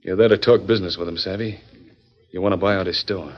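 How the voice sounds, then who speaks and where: An actor playing a stern, scheming outlaw gang leader in an old-time western drama, commanding and full of folksy frontier slang. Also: male voice, low voice, fairly even intonation, fast talker. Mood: menacing. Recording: dull lo-fi vintage recording.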